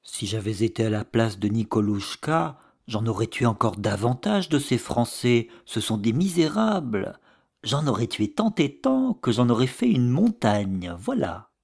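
Man voicing a brash boastful boy, gravelly. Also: medium pitch, big pitch swings, unhurried, a little mellow, exaggerated voice. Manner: scornful, blustering. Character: boastful boy, brash young teen brother. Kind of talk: audiobook character voice.

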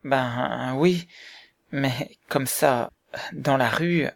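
A man voicing Riquet, an eager, affectionate young man in love, in a dramatized story reading, often hushed and conspiratorial. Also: medium pitch, drawn-out words, gravelly.

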